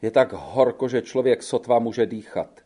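A man's voice: mid-range voice, warm tone, slightly rough, lightly acted. A male narrator voicing a young Italian woman working as a wet nurse, tired and complaining on a hot train ride. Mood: chatty. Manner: plaintive, sighing complaints.

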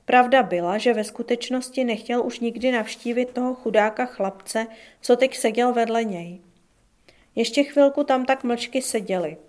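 Woman narrating an audiobook calmly. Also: a little high.

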